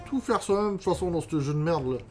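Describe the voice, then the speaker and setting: A man's voice: on the high side, expressive, fast talker. A man giving casual let's-play commentary as a gamer, slangy, sweary and grumbling. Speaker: gaming streamer. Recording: game music behind the voice.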